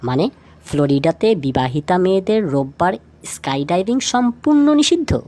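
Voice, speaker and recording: Here the feature video's lead narrator is a woman whose slightly low, mellow voice swings widely in pitch at an ordinary speed. Reading a light trivia script, she addresses the listener head-on and poses questions as she goes.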